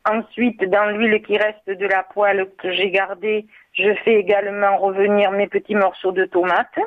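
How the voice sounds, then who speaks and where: A woman from southwest France with a Bordeaux-area accent, calling in and explaining a recipe in a hesitant way, with many filler pauses. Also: medium pitch, level tone. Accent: Bordeaux-area French. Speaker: caller. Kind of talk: call-in recipe chat. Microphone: telephone. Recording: tinny phone line.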